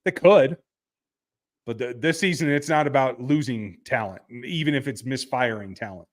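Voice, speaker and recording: Male podcast host, mid-pitched, blunt and laid-back, lots of "um"s and restarts, on a remote call. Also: moderate pace. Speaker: podcast host reading listener texts. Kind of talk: casual sports talk.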